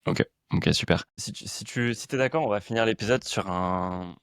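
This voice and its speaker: Gravelly low-voiced French male podcast host. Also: moderate pace, a bit bright, dry recording, clean studio sound. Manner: hesitant, many fillers, laid-back. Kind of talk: casual conversation.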